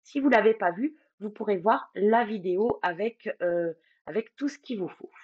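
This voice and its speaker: A woman's voice: mid-range voice, lively intonation, normal speed, breathy edge, muffled recording. Chatty French woman hosting a craft live stream. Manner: chatty, greets viewers by name, many fillers. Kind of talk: casual live demo chat.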